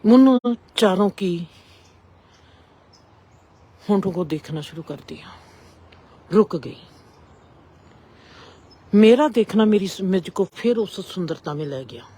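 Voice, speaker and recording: A woman telling a reflective spiritual story in a slow, measured way with long pauses. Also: mid-range voice, animated, warm tone, breathy edge.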